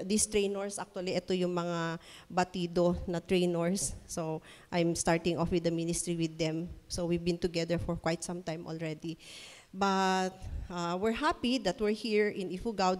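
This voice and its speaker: Older Filipino woman with a lowish voice. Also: darkish tone. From Philippines. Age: 60s. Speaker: Sunday school teacher trainer. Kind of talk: seminar self-introduction. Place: church hall. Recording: echoey hall.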